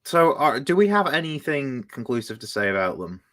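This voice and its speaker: A man's voice: medium pitch, sing-song, a little fast, a bit bright. A man hosting a casual live stream, chatting and often restarting his sentences. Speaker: streamer host.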